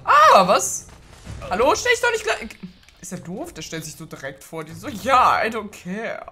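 A young woman giving casual let's play commentary, excitable, swearing and laughing a lot. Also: mid-range voice, moderate pace, soft background music. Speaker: gaming video host.

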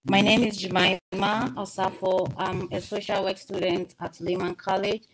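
A young woman, a social work student, giving halting public testimony over a remote line that sounds muffled, as if through a wall, and keeps cutting out. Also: mid-range voice, little pitch movement, a crowd in the background. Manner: halting, restarts phrases. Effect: muffled, breaking-up connection. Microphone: remote call line.

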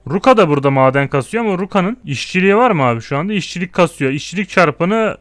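A man's voice: sits high, expressive, quick pace, a bit bright, no room sound, clean studio sound. A young man giving casual, jokey let's-play commentary as a gaming streamer, reading the game's dialogue aloud as he plays. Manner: chatty, jokey, reads game dialogue aloud.

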